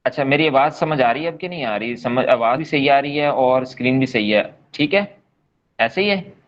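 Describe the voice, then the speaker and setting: A man's voice: mid-range voice, lively intonation, normal speed, highs cut off. A man leading a live online coding class, explaining step by step in a patient, repetitive way and checking in often with his students. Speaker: coding instructor.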